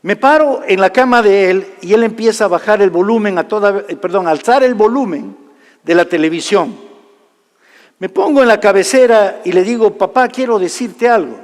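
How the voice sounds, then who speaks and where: A man preaching a sermon, telling a personal story and swinging from loud to hushed delivery. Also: high voice, normal speed. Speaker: pastor. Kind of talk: sermon testimony. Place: large church hall. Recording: live church hall reverb.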